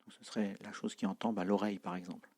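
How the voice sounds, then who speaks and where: A man teaching a language lesson, explaining slowly with many hesitations and repeating example phrases. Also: low-pitched, flat delivery, a little mellow, husky.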